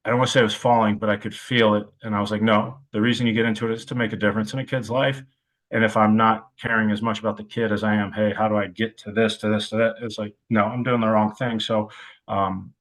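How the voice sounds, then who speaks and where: A low-voiced man in his thirties speaks as a guest on a podcast. He is reflective and halting, often pausing on filler sounds. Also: level tone, fairly bright tone. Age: 30s. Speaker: wide receivers coach. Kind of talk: podcast interview.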